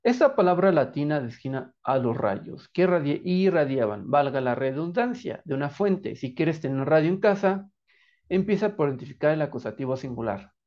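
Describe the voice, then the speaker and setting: A man's voice: a little high, animated, normal speed. Encouraging Mexican male teacher, dull recording. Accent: Mexican Spanish. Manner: encouraging, answers his own prompts, praises the viewer. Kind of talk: quiz-style lesson narration.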